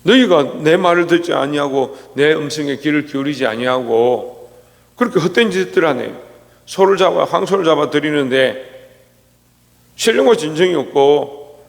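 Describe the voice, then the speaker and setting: A man's voice: a little high, expressive, normal speed, gravelly, long reverb tail. A man, a pastor, giving an early-morning sermon, reading scripture aloud and acting out the complaints of churchgoers. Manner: preaching, reads scripture, acts out quoted complaints.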